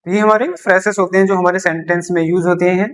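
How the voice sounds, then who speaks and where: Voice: mid-range voice, steady tone, fast. A teacher gives a beginner English lesson explained in Hindi, repeating key terms and answering their own questions while writing examples on a board.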